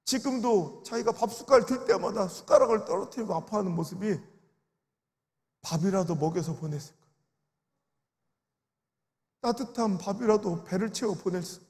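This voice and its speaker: A man's voice: sits high, moderate pace, long pauses, a little mellow. A man preaching an emotional revival sermon as a pastor, telling stories and acting out the voices of grieving people. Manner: storytelling, acts out quoted voices with sobbing cries. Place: large prayer retreat sanctuary. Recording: reverberant large worship hall.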